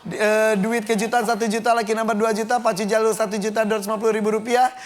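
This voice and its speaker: High-voiced playful male game show host. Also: flat delivery, fast talker. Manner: playful and teasing, shouts results to the crowd. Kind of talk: lively TV game show hosting. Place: television studio with live audience. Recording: studio audience and backing music.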